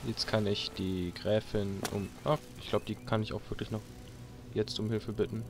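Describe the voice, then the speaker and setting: A man's voice: fairly low pitch, little pitch movement, normal speed. A man giving casual gameplay commentary as a let's player, muttering short reactions to himself. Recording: loud game noise throughout. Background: loud video game ambience.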